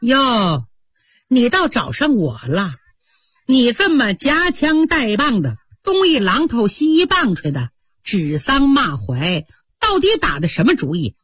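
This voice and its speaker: A woman's voice: a little high, wildly swooping pitch, a little slow, husky, dry recording, clean studio sound, exaggerated voice. A woman voicing a patient young senior maid who speaks in a placating, reasoning way. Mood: indignant.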